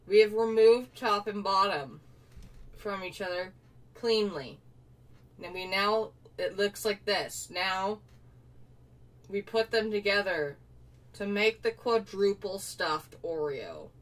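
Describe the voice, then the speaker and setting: A woman's voice: mid-range voice, takes it slowly. A young woman vlogging casually, playful and self-mocking, sometimes talking with her mouth full. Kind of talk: casual unboxing vlog. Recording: distant mic with faint room noise.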